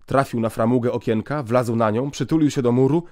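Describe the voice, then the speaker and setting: A man narrating an audiobook in a steady, clear storytelling voice. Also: mid-range voice, brisk, no echo, studio quality.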